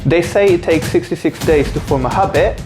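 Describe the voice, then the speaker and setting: A man's voice: fairly high pitch, a little fast. Earnest twenties male from Portugal, conversational documentary narration over music. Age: 20s. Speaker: vlogger.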